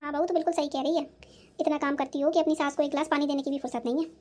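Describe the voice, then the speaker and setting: A woman's voice: high-pitched, flat delivery, very fast, darkish tone, close to an everyday voice. Woman as a scolding old mother-in-law. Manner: scolding, sarcastic. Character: nagging, self-pitying old mother-in-law. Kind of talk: cartoon voice acting.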